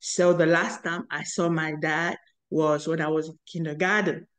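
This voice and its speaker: Speaking as an interview guest, an inventor and company founder from Cameroon in her fifties recounts her life story. Her low-pitched voice is flat in delivery, and she talks in an earnest, halting way, with many pauses.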